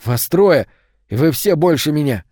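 A man's voice: fairly high pitch, lively intonation, unhurried, warm tone, no room sound, clean studio sound, pitched above the performer's own voice. A man voicing a scared bookish young boy. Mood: frightened. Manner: tense, pleading.

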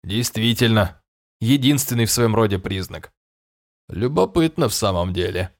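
A grumpy, drowsy fairy king, voiced by a male narrator. He speaks slowly and sounds irritable. It is read like a storybook. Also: on the low side, animated. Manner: irritable, drawling.

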